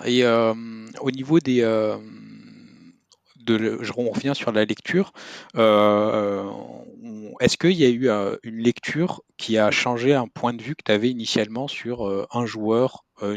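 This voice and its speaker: A man hosting a podcast, asking questions casually and haltingly, searching for words. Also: fairly low pitch, no room sound. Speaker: podcast host.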